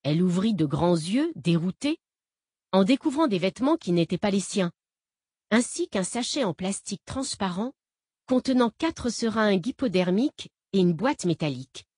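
A woman narrating an audiobook in an even, measured reading voice. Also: medium pitch, husky, dry recording, clean studio sound.

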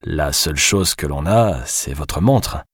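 A man's voice: rumbling low, expressive, slow pace, breathy edge, dry recording, clean studio sound, voice pushed down, heavily acted. A man voicing a frustrated, stubborn man on the run in an audiobook, talking in a grumbling, defensive way. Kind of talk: audiobook character voice.

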